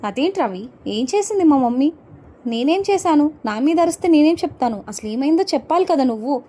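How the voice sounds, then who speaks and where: Woman putting on an indignant young wife, defensive, rapid questions, mellow voice, a bit high. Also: animated.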